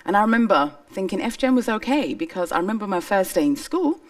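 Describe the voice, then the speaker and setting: A woman's voice: medium pitch, sing-song, quick pace, recorded from a distance. A woman from Somalia giving an earnest, emphatic personal testimony on stage before an audience. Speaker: speaker on stage.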